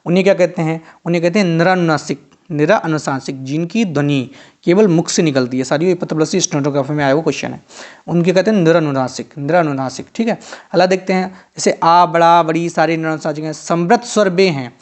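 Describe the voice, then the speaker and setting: A male teacher running an exam-prep grammar lesson, drilling students with quick repeated questions and answers. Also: on the high side. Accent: Hindi-belt Indian.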